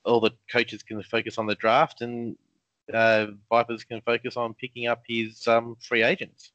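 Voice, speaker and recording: A man's voice: mid-range voice, completely flat delivery, moderate pace, fairly bright tone, no echo. A man co-hosting a casual fantasy football chat, laid-back and jokey with lots of ums. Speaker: podcast co-host. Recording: dull lo-fi sound.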